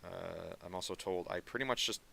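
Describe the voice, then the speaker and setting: A streaming artist draws while chatting casually with his audience, rambling and muttering quick asides as he works. His voice is low, creaky, nasal and sharp, with a default sarcastic sound and no room sound.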